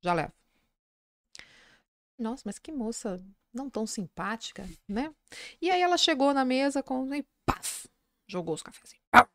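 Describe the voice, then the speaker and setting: A middle-aged woman, a psychologist guest on a podcast, telling an anecdote in a lively, casual way. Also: high-pitched, moderate pace, dry recording, studio quality. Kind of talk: casual storytelling in a podcast interview.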